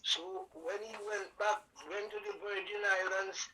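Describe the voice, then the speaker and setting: An older man with a Trinidad and Tobago accent, telling stories as a calypso singer being interviewed, folksy and animated. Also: high-pitched, moderate pace, slight background noise, rough recording. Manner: folksy and animated, sings out sound effects. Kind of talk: storytelling interview.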